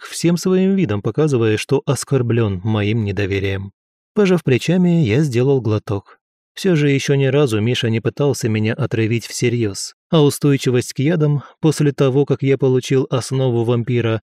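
A man reading a first-person story as an audiobook narrator in a steady, even way. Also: mid-range voice, dry recording, studio quality.

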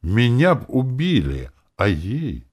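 A man reading an audiobook, voicing a middle-aged mother who speaks in a measured, firm, gently reproving way. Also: medium pitch, huge pitch swings, husky, pitched above the performer's own voice, exaggerated voice. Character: middle-aged mother, strict yet soothing.

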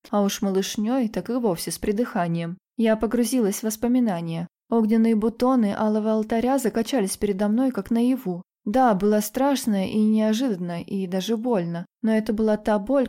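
A woman narrating a fantasy audiobook in the first person with an even storytelling delivery. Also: mid-range voice.

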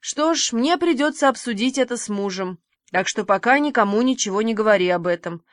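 Woman reading as a brisk motherly village lady. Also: fairly high pitch, lively intonation, no echo, clean studio sound, lightly acted. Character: kindly fussy middle-aged village woman.

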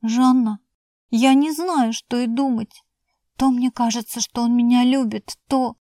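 A woman's voice: a little high, expressive, a little slow, a little mellow, dry recording, clean studio sound. A woman voicing an emotional, pleading young woman who is the narrator's sister, in audiobook dialogue. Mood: distraught.

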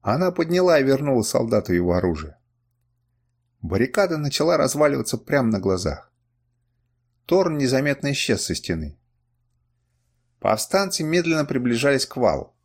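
A man reading a first-person adventure novel aloud with an expressive, dramatic delivery. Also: mid-range voice, moderate pace, pauses often. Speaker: audiobook reader.

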